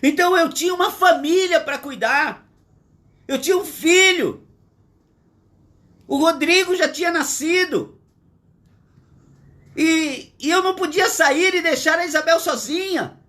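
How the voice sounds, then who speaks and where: A man's voice: very high voice, a little slow, long pauses, bright, forceful tone. A man in his sixties with a Brazilian Portuguese accent, preaching a livestreamed sermon from his home in an earnest, emphatic way, repeating his points. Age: 60s. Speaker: pastor.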